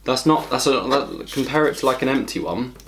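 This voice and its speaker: A man's voice: mid-range voice, expressive, a little fast, a bit bright, slight background noise. A man hosting a casual beer review vlog, speaking bluntly, with a lot of swearing and exasperation, at a table. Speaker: beer reviewer, channel host. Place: at home, at a table.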